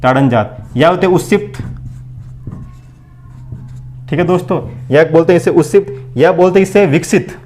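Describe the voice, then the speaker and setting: Man drilling a lesson, higher voice. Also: normal speed, long pauses, darkish tone. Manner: call-and-response drilling, repeats questions and answers; keeps addressing listeners as friends. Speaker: teacher. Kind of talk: blackboard lesson for exam preparation.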